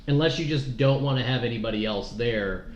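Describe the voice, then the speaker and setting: A man's voice: mid-range voice, a little fast. A man co-hosting a podcast, chatting casually in a rambling, profane way and laughing often. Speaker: podcast co-host. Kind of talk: casual chat. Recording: roomy, dull, faint noise.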